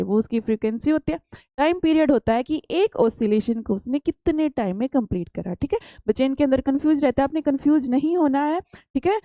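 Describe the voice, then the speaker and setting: A woman's voice: high voice, mellow, no room sound. A woman teacher giving a science lesson, explaining patiently and asking the pupils questions, then answering them herself.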